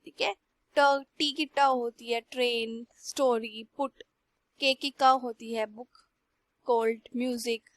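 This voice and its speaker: High-voiced woman teaching, dry sound. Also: fairly even intonation, no room sound. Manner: slowly reads English textbook lines aloud, explains them in Hindi with frequent "ठीक है". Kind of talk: classroom lesson.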